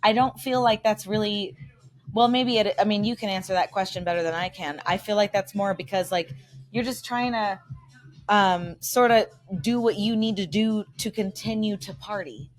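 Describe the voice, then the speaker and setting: A woman speaks at an average pitch in loose, casual chat. She rambles along and swears freely. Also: moderate pace.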